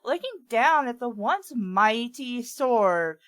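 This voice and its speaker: A woman's voice: high voice, sing-song, takes it slowly, fairly bright tone, no echo, studio quality, exaggerated voice. A woman voicing a ditzy young Valley Girl mourning at a grave, drawling and sing-song. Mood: mock-mournful.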